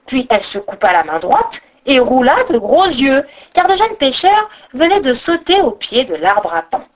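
A woman reading a folk tale aloud as storyteller, expressive, with sung-out sound effects. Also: high-pitched, moderate pace. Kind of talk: storybook narration.

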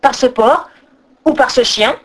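A woman's voice: high-pitched, a little slow, low-quality recording. A woman doing a young fisher boy. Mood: timid. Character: young boy fisherman, frightened but clever. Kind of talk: storybook narration.

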